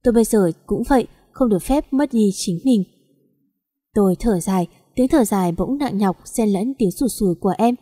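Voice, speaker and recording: A woman narrating a dramatic first-person audio story in a steady, somber way. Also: mid-range voice, normal speed, in a large hall.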